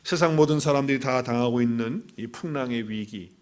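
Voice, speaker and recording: A male pastor giving an animated Sunday sermon, asking his listeners questions and acting out the voices he quotes. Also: medium pitch, fairly quick. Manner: animated preaching, acts out quoted voices, asks the congregation questions.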